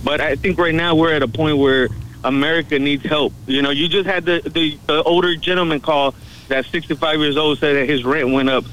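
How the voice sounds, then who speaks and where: A man phones in to a radio talk show, his voice carried over a telephone line. He speaks in a somewhat high register. His talk is earnest and rambling, full of fillers. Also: fairly even intonation, fairly quick, a bit bright. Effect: heard over a phone line. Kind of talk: casual call-in talk.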